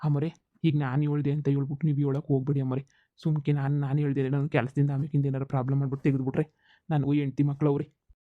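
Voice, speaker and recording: A man's voice: medium pitch, little pitch movement, no room sound, phone-quality sound, close to an everyday voice. A man voicing a deferential, gossiping village farm servant in a cartoon comedy. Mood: tattling. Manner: deferential, tattling, rapid.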